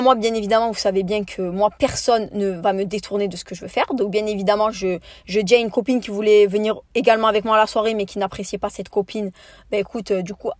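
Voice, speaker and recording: A young woman hosting a podcast, telling a personal story in an animated, indignant way with slangy asides. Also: fairly high pitch, dry recording, studio quality. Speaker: podcast host. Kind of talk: casual storytime monologue.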